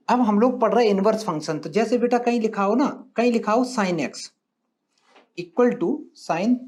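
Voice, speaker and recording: A man's voice: high-pitched, a little mellow. A male maths teacher, lecturing a live class in a classroom. He coaxes his students along, keeps checking that they follow, and calls them "beta" and "bachcha". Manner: coaxing, addresses students as beta and bachcha, asks questions.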